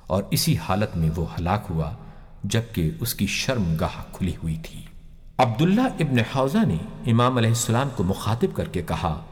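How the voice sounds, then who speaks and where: A man narrating religious history in an expressive, measured storytelling manner. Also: lowish voice, in a large hall.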